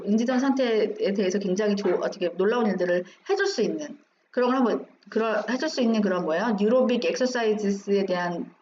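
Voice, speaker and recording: A woman teaching English, going through an exam passage line by line, asking questions and answering them herself. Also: a little high. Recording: dull roomy recording with faint hum.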